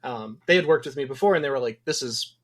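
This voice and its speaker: A fast-talking Wisconsin man, guest on an easygoing podcast, discusses his game development work in an expressive, somewhat bright mid-range voice. He's reflective and rambling, with plenty of ums.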